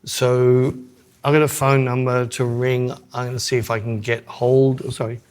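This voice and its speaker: A man's voice: mid-range voice, flat delivery, moderate pace, a little mellow, smooth. A man with an Australian accent co-hosting a podcast, chatting casually in a rambling way. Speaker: podcast co-host.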